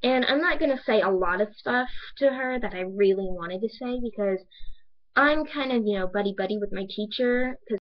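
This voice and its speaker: A woman's voice: medium pitch, normal speed. A teenage girl telling a story in a sarcastic, exasperated casual vlog rant, on a slightly dull lo-fi recording. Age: teens. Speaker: high school student.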